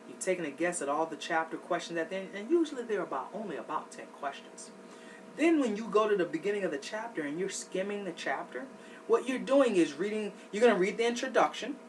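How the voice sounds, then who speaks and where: A man who teaches adult learners gives a study-skills lesson, stressing points and checking in with "okay?" after each step. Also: high-pitched. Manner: emphatic, repeats "okay?" to check in. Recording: distant mic with faint background noise.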